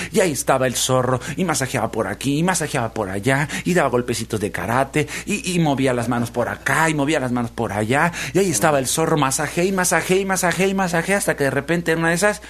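A man, a radio host telling a children's story in a lively, repetitive rhythm. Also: medium pitch. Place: radio studio.

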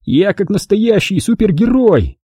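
A man's voice: high voice, big pitch swings, normal speed, warm tone, husky, no room sound, clean studio sound, voice pushed up, full character voice. A man voicing a cocky boy who boasts and teases in a raised voice. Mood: mocking. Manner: boastful, teasing. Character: cocky mocking boy show-off.

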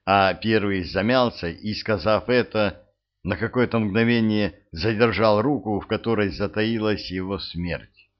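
A man reading a war story aloud as an audiobook narrator, dramatic and expressive. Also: on the low side, a little slow, muffled recording.

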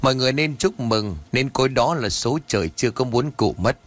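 Brief: man voicing a village chief in a storybook, calm, soft, reassuring, lively intonation. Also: mid-range voice, fairly quick. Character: soothing middle-aged village head.

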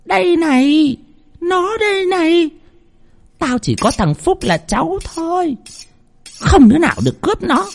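A man voicing a crazed, grieving old grandmother clutching a knife, shrill and wailing. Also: big pitch swings, unhurried, vocal fry, long pauses, exaggerated voice. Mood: frantic, menacing.

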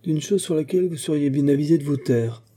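A man's voice: medium pitch, a little fast, dark tone, breathy edge, close to an everyday voice. A man voicing a drunk, quarrelsome middle-aged attorney with a thick, surly, blustering manner, raised above his own voice.

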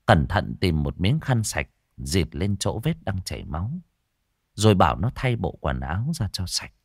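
Expressive male storyteller. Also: deep voice, creaky, breathy edge, no echo, clean studio sound. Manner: expressive, slow dramatic delivery. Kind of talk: scripted storytelling narration.

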